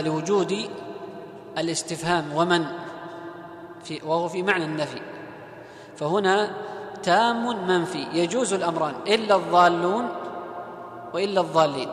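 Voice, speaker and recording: A man teaches grammar in a classroom, putting questions to his students and then answering them himself, and he slows down and lifts his voice when he recites verses. His voice sits high for a man. The sound rings with long reverb, like a large hall. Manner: recites verses slowly and loudly. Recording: echoey hall.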